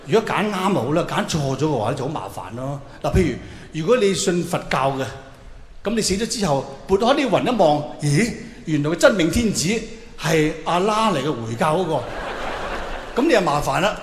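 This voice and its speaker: A middle-aged stand-up comedian with a Hong Kong Cantonese accent delivers a colloquial, theatrical monologue to a live audience, tossing questions out to his listeners. His voice is on the high side, animated and a little fast. The hall is echoey with long reverb and faint noise.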